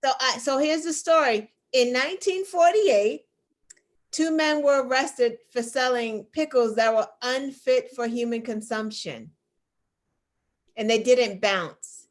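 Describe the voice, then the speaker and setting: She speaks at a measured pace in a fairly high voice, an American co-host of an online news show. Laughing frequently, she plays a lighthearted quizmaster in a chatty trivia game.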